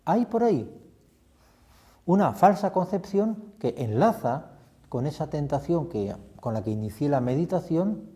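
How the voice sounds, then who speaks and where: Mellow priest. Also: male voice, a little high, sing-song, a little slow. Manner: reflective, poses many questions to the listener. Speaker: priest leading a retreat. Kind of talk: spoken retreat meditation.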